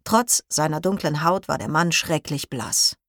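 A woman narrating a children's audiobook in a clear, expressive storytelling manner. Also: sits low, unhurried, no echo, clean studio sound. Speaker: audiobook reader.

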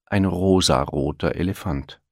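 Deep voiced guy reading a kids story, lots of melody in it, dry close mic. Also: measured pace, gravelly, no echo. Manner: expressive read-aloud storytelling. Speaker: narrator.

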